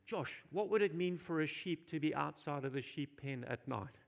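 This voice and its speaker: A man's voice: on the high side, animated, normal speed, creaky. A male pastor preaching a sermon in a church, informal and jokey, questioning the congregation and repeating key phrases for emphasis.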